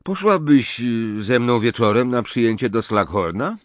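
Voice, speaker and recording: A man's voice: mid-range voice, animated, moderate pace, dry recording, close to an everyday voice. A man voicing an awkward, flustered teenage schoolboy wizard who stammers and hesitates.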